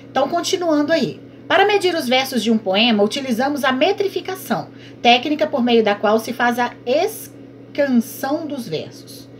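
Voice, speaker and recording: A woman teacher leads an online class, her voice a touch higher than most. She explains patiently and often asks and answers her own questions. A faint noise hangs under the recording.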